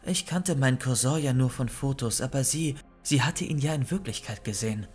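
A man narrating a horror story in a measured, suspenseful way. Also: mid-range voice. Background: faint background music.

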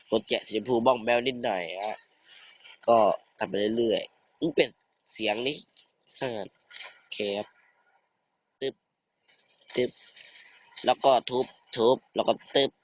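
A teenage man giving casual, excitable commentary over a survival game, swearing and bantering with a friend. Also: medium pitch. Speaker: gamer.

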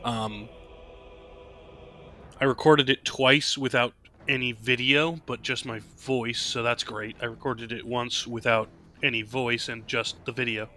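A man's voice: medium pitch, steady tone, unhurried, bright, forceful tone, a little hiss or hum. A man with a congested voice giving casual, joking let's play commentary over a game. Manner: joking, offhand, mock-outraged.

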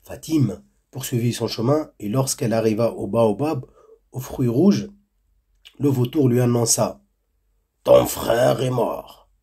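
A man narrates a folk tale slowly and deliberately, in a husky, dark-toned voice. His telling is measured and calm throughout. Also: mid-range voice. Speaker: storyteller. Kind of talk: storytelling narration.

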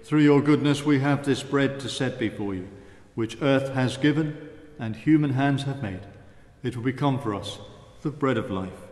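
A man, a priest, leading the Mass in solemn, measured prayer and chant, his voice ringing with cathedral echo. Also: medium pitch, a little mellow. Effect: cathedral echo, long church reverb. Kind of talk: liturgical prayer, spoken and chanted. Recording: echoey reverberant church hall.

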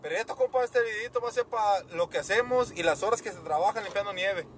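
A man in his thirties with a Mexican accent vlogs casually in a high voice, talking fast in slangy, sweary Chicano-style street talk. He holds his phone at arm's length in a truck cabin and out in the snow at night. The handheld audio is noisy, full of car and outdoor sounds.

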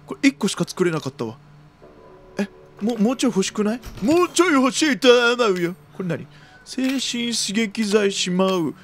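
A man doing jumpy let's-play commentary of a horror game, often repeating exclamations quickly and using old-man turns of phrase. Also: high-pitched, expressive, faint music behind. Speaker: video game streamer.

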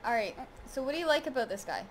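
A woman's voice: high voice, big pitch swings, fast talker, slight background noise. A woman in casual gaming chat, co-hosting with her child and asking simple, curious questions. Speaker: co-host playing alongside her child.

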